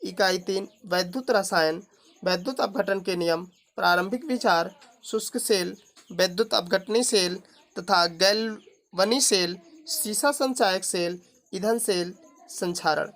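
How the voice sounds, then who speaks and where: A man's voice: high voice, unhurried, a bit bright. A male teacher works steadily through a long syllabus list, reading each item in turn. He breaks in now and then with short remarks to his students.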